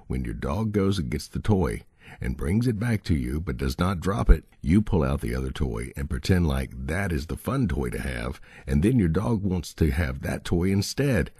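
Male audiobook narrator, deep and mellow, lively intonation, reads instructions steadily. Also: slightly rough, dry recording, studio quality. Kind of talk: scripted narration of a dog-training book.

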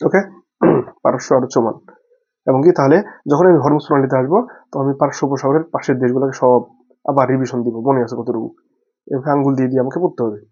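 A man's voice: mid-range voice, a little mellow, husky. A man teaching a geography lesson for exam study from a map, asking questions and answering them himself. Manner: has the listener say names aloud. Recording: dull lo-fi recording.

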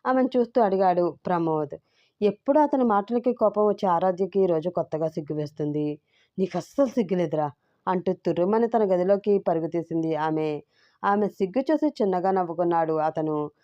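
A woman's voice: lowish voice, fairly quick, warm tone, lo-fi sound. A woman hosting her channel, chatting to listeners and reading a romance story aloud. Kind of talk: narrated love story reading.

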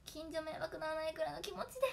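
A woman's voice: high voice, little pitch movement, fast, vocal fry. A young woman chatting casually to fans, reciting tongue twisters and giggling often. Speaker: idol trainee talking to fans. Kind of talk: casual solo stream chat.

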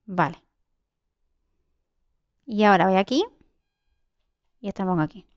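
A woman's voice: medium pitch, expressive, measured pace, no room sound, dull audio. A young woman with a Spain Spanish accent giving casual gameplay commentary, chatting to herself and her viewers, with sudden shrieks and swearing. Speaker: gameplay streamer.

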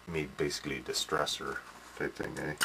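Middle-aged guy, very low voice, rambling hobby demo, noisy camcorder sound. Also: flat delivery, fairly quick, creaky, bright, forceful tone. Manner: rambling, many fillers and restarts, tags "eh". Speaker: hobby modeler. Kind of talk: casual workshop demo. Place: small indoor workshop. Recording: noisy home camcorder audio.

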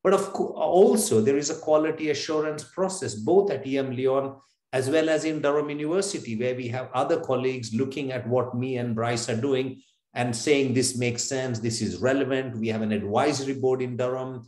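A man's voice: mid-range voice, normal speed, darkish tone, echoey room. A man, a business school professor, explaining earnestly over a video call webinar. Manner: earnest, explanatory, repeats himself. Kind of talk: webinar Q&A answer.

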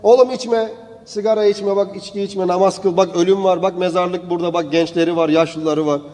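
A male preacher delivers a sermon as a story, often rising into emphatic declaiming. His voice sits high for a man. It carries a long reverb, as if spoken in a large hall. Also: fairly even intonation, a little fast, dark tone.

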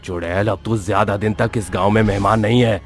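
A man voicing a suspicious village headman in a cartoon, speaking slowly and low to himself. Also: steady tone, faint music behind, natural voice. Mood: brooding. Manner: slow, low, brooding.

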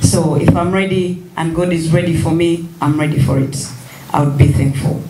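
A woman in her thirties answering questions at a press conference in a measured, gentle way. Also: low-pitched, fairly even intonation. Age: 30s. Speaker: guest artist at press conference. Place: large room at a press table. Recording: echoey room, faint noise.

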